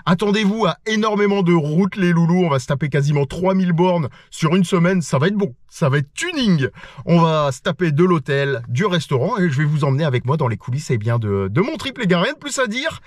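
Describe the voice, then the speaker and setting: A man's voice: a little high, animated, fairly quick, dry recording, clean studio sound. A man from France talking casually to his camera while driving on a road trip, playful and chatty, with a stuffy nose. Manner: chatty, playful, keeps calling viewers "les loulous". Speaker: travel vlogger. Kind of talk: casual vlog talk to camera. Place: inside a car on a road trip. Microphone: action camera mounted in the car.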